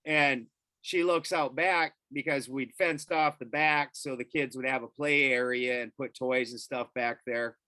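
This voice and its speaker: Middle-aged male podcast guest, animated and profane, bright tense tone. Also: medium pitch, a little slow, no echo. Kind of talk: casual storytelling.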